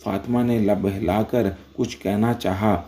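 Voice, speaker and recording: A man narrating a dramatic story in a steady, scripted reading. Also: lowish voice.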